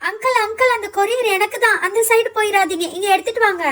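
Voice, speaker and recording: Stubborn, boastful schoolgirl doll , a woman doing the voice, pitched very high. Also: fast talker, bright, forceful tone. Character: bossy sulking schoolgirl Fouziya. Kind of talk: doll show role-play.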